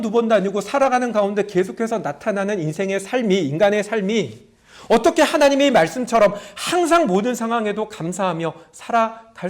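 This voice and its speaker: A middle-aged male pastor preaching a sermon, telling stories, acting out prayers and asking his congregation questions. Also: very high voice. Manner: storytelling preacher, acts out prayers in a raised voice; talks to the congregation directly, asking them questions.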